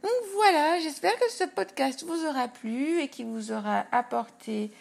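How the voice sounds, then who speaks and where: A woman hosting a podcast English lesson, explaining words slowly and carefully and spelling them out letter by letter. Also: high-pitched, vocal fry. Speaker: English teacher and podcast host.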